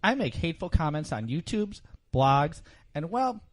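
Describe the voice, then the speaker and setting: A man's voice: a little high, big pitch swings, normal speed, no echo, clean studio sound, pitched above the performer's own voice. A man voicing a hateful but timid male comment troll in a spoof ad skit, nervous and jumpy. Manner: nervous and sweaty.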